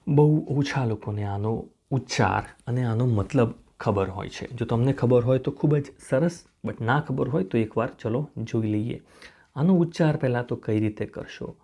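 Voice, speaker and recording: A man's voice: medium pitch, normal speed, vocal fry, mellow. A man teaching spoken English, spelling words out letter by letter, repeating each pronunciation and checking in with the viewer with a rising "okay?". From India.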